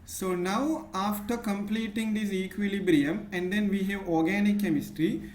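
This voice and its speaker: A man with a Sri Lankan English accent tutors chemistry one-on-one, patiently checking in with "right?" again and again. His voice sits high and is a little mellow, steady in tone and moderate in pace, recorded in an echoey room with faint noise.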